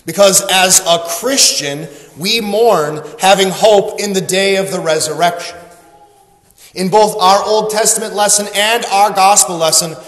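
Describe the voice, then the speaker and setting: Slow-preaching pastor in an echoey hall. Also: male voice, sits high, fairly bright tone. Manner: slow, deliberate preaching with dramatic pauses. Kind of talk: sermon. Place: church sanctuary. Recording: echoey church hall, long reverb.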